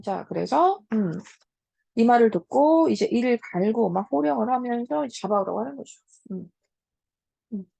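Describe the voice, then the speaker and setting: A woman teacher giving a casual lecture on a classic story, talking straight to her students with many soft hums between points. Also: fairly high pitch, expressive, normal speed, gravelly, dry recording. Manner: casual, talks to students as 얘들아 with frequent hums.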